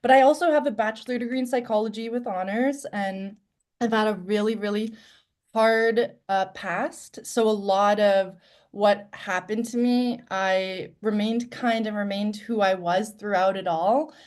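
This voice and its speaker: A woman's voice: medium pitch, fairly even intonation, measured pace. Earnest, reflective woman guest. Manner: earnest and reflective, loudness rising and falling. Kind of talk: candid live-stream conversation.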